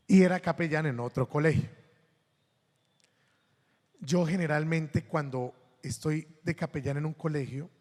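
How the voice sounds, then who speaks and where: A man's voice: fairly high pitch, darkish tone, in a large hall. A Colombian man, a priest giving a sermon, telling funny anecdotes and acting out the voices of the people in them. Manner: anecdotal, humorous, acts out quoted voices.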